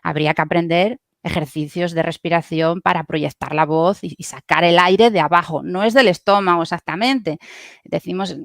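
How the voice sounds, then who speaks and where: A woman's voice: on the low side, moderate pace, gravelly, dry recording, studio quality. A woman speech therapist, patiently explaining how the voice works and demonstrating sounds as a podcast guest.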